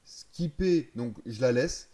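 A man's voice: mid-range voice, expressive, takes it slowly, mellow. A man casually explaining a game's settings, thinking aloud, hesitating and correcting himself as he goes. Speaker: gaming video creator.

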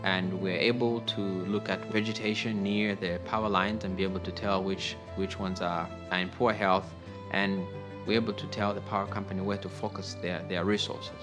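Man from Rwanda, deep low voice, calm explanatory interview, music bed. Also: moderate pace. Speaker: tech company founder. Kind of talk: documentary interview.

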